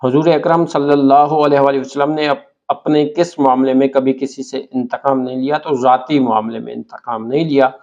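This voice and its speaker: A male teacher with a Pakistani Urdu accent works through an exam-prep lecture, reading each question and then its answer. His voice has a gravelly edge, and he lists synonyms one word at a time. The recording sounds dull and lo-fi. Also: mid-range voice, fairly even intonation, hardly any pauses, a little mellow.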